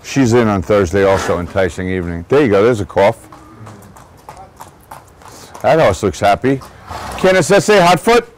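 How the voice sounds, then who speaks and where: Outdoors along a horse barn shed row, a man with a lowish, animated voice talks at normal speed with long pauses; the low-quality recording carries a bit of hiss or hum. He's a Long Island, New York racehorse trainer giving a chatty, rambling barn tour, frequently starting his sentences over.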